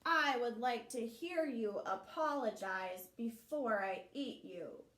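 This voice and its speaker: A woman voicing a big, grumpy male bear who growls his threats slowly. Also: fairly high pitch, animated, fairly bright tone, reverberant. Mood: menacing.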